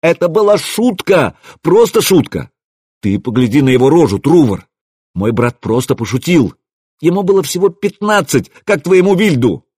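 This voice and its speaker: Man voicing a screaming angry Viking, raised pitch, husky, dry close sound. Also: expressive, moderate pace, no room sound. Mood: furious shouting. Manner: shouting, hysterical. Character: furious hysterical Viking warrior man.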